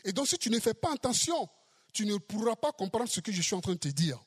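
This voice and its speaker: A preacher giving a sermon, slow and emphatic, repeating key phrases for weight. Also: medium pitch, sing-song, husky.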